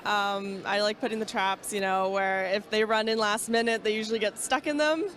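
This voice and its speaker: A woman's voice: mid-range voice, fairly even intonation, moderate pace, fairly bright tone, a little hiss or hum. A woman fan from Toronto, Canada, answering interview questions in a hesitant, giggly way.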